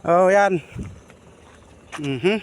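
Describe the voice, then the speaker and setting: Male vlogger, high voice, chatty and directing people for photos, light outdoor hum behind. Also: extremely slow. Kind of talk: casual travel vlog.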